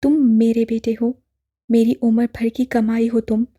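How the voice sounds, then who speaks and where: A woman's voice: on the high side, fairly even intonation, normal speed, dark tone, breathy edge. A woman voicing an adoptive mother who insists tearfully on her love, in an audiobook drama. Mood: pleading. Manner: insistent, emotional.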